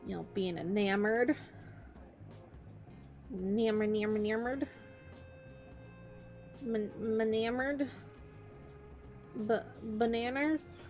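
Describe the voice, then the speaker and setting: A young woman streaming as a VTuber, rambling playfully and chasing excited little tangents in casual chat. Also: a little high.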